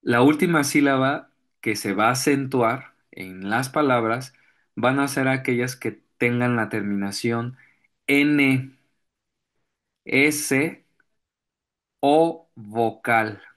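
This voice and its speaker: A man teaching an online class at an unhurried, drawn-out pace, his voice sitting in an ordinary middle register. He explains rules patiently, trailing off into fillers while he searches for examples. Throat clearing breaks up his delivery now and then. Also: medium pitch, fairly bright tone. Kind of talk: virtual class lesson.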